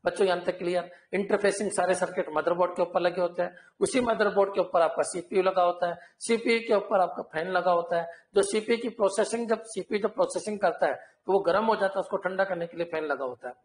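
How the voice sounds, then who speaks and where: Male teacher, lecturing, repeats key points, asks if clear, roomy echo. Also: high voice, fast, hardly any pauses. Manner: repetitive, keeps checking "clear?" with students. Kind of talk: online class lecture.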